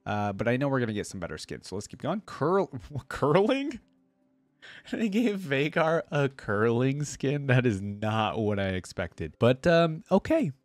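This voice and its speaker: A man around his thirties, who makes reaction videos, chats informally and thinks out loud into a close desk mic with a headset. His medium-pitched voice is sing-song and measured in pace, and the recording is dry.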